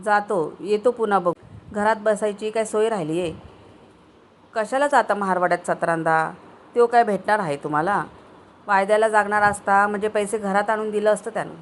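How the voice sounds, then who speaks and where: A sharp-tongued village wife , as a woman reading the story puts her on scolds her husband. She talks in quick, needling questions, a storybook voice of steady middle pitch. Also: a little hiss or hum, lightly acted. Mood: scolding.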